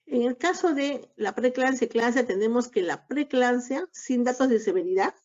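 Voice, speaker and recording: Woman lecturing, measured and explanatory. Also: a little high, animated, darkish tone. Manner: measured, explanatory, asks for the next slide. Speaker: obstetrics lecturer. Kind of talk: recorded lecture with slides. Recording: dull lo-fi lecture audio.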